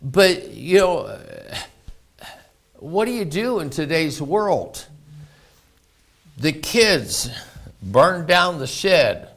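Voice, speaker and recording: Pastor, male, slow and gravelly, folksy storytelling sermon delivery. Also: a little high, very animated, a bit bright. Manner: folksy, anecdotal, laughs often.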